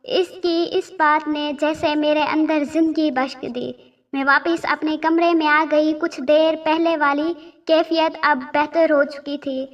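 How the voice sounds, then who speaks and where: A woman's voice: high voice, level tone, distant mic, dull audio. A woman telling a first-person story as a storyteller, emotional, with quoted dialogue.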